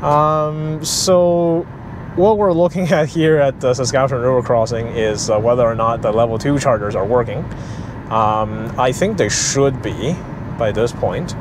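A man's voice: medium pitch, unhurried. A man casually narrating an electric car road trip vlog, explaining things with frequent ums and uhs, recorded in a car and outdoors in a parking lot. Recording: noisy outdoor vehicle ambience.

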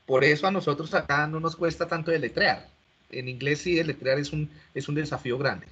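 A man's voice: on the high side, fairly even intonation, a little fast, a bit bright, slightly rough. A man teaching an online class, explaining step by step and questioning his students. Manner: explanatory, asks students questions, frequent restarts. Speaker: lecturer. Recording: dull lo-fi audio.

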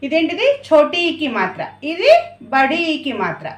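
A woman's voice: high-pitched, sing-song, normal speed, roomy sound. A woman teaching a language lesson, explaining patiently and repeating herself as she writes. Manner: patient, repetitive explaining while writing. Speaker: Hindi teacher.

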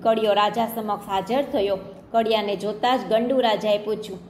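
A woman's voice: mid-range voice, fairly even intonation, normal speed, a little mellow. A woman narrating a folk tale in storybook style, speaking the characters' lines in quotes herself. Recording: echoey room with faint background noise.

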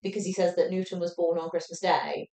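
A woman's voice: on the low side, flat delivery, fast talker, dark tone. A woman hosting a casual quiz on a livestream, giggly and chatty, explaining at length. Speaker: quizmaster on a livestream. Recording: roomy echo.

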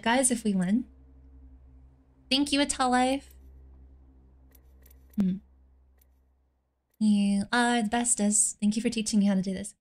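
A woman streamer chatting casually while she plays a game, playful, cutesy and quick to apologize. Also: medium pitch, creaky. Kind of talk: casual gaming livestream chat.

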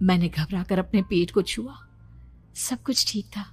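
A woman's voice: mid-range voice, measured pace, breathy edge. A woman narrating a horror story in the first person, in a dramatic, suspenseful way. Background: background music.

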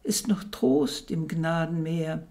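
A woman giving a theatrical poetry recitation, building to loud, impassioned outbursts. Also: low-pitched, expressive, slow pace, gravelly.

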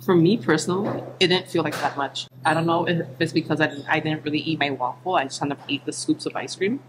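A woman's voice: low-pitched, steady tone, fast talker, noisy background. A young woman narrating a travel vlog in a chatty, upbeat way, talking to a handheld camera. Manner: chatty, upbeat, laughs easily. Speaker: travel vlogger. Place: car, restaurants and outdoor park. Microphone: handheld camera at arm's length.

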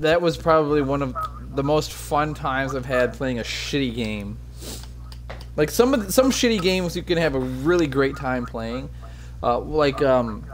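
Profane rambling male game streamer. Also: medium pitch. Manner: profane, rambling, self-mocking. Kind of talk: casual gaming stream chat. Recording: steady background noise.

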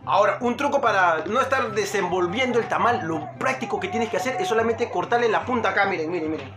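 A man's voice: sits high, expressive, quick pace, music in the background. A man with a Peruvian accent hosting a playful, jokey mock cooking show from his home kitchen. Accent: Peruvian Spanish. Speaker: comedic vlogger.

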